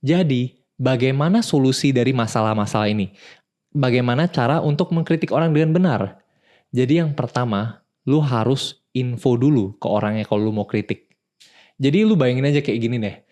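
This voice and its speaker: A man's voice: medium pitch, moderate pace, darkish tone. A young man, hosting a talk show and explaining advice in a casual, direct way, calling the listener "bro". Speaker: podcast host.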